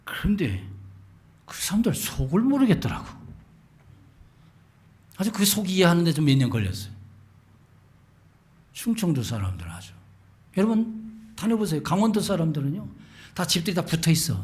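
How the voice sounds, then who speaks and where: A man from Gangwon Province preaching a Sunday sermon as pastor, animated, mimicking dialect phrases and sometimes dropping to a whisper. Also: on the high side, brisk. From Gangwon Province, Korea. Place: church sanctuary.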